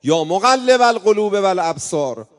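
A man preaching a religious sermon, coaxing his audience and breaking into chanted invocations, with sudden swings between loud and soft. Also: high voice, sing-song, long reverb tail. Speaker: religious speaker. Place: religious gathering hall.

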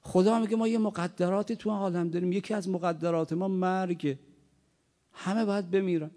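A man preaching a sermon, moving from quiet, plain talk to loud, impassioned cries. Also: high-pitched, fairly even intonation. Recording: long hall reverb.

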